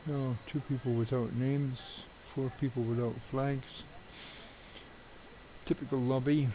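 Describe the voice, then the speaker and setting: A middle-aged man live-streams a game, chatting casually and rambling, swearing offhandedly and chuckling at his own jokes. His medium-pitched voice has little pitch movement, he speaks unhurriedly, and the background is noisy.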